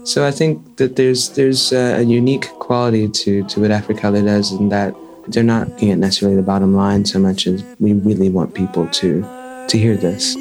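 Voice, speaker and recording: A man's voice: fairly low pitch, fairly even intonation, a little fast, darkish tone, faint music behind. A man speaking for an arts venue in an interview, casual and conversational. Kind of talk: interview answers.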